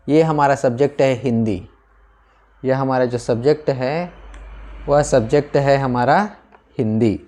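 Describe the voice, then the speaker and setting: A young man gives a classroom-style grammar lesson in a mellow, dark voice. He often asks a question and then answers it himself, repeating key words so they stick. His pitch sits in an ordinary middle range. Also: measured pace, long pauses. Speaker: Hindi grammar teacher. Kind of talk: classroom lecture.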